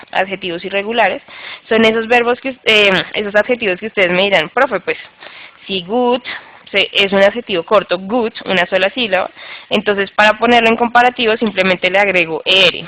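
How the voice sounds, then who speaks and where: A woman's voice: mid-range voice, moderate pace, fairly bright tone, poor audio. Woman teaching grammar in an online class. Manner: patient, repeats rules and checks with "listo?". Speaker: English teacher. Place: online class by video call.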